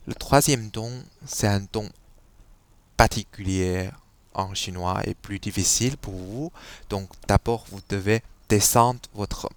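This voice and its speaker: Slow, low-voiced man teaching tones. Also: vocal fry, no echo. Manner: patient, repeats syllables to model tones. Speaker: Chinese language teacher. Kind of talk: slow explanatory lesson.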